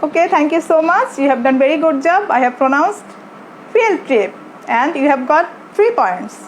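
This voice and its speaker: A Bangladeshi woman, a primary school English teacher, giving an online lesson in English and Bengali, slowly repeating words for her pupils. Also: high-pitched, very animated, slight background noise, poor audio.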